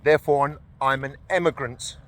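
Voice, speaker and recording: A UK vlogger and veteran talks to camera during a morning walk outside, keeping it casual, blunt and dryly witty. He has a mid-range, fairly bright voice with fairly even intonation, speaking a little fast.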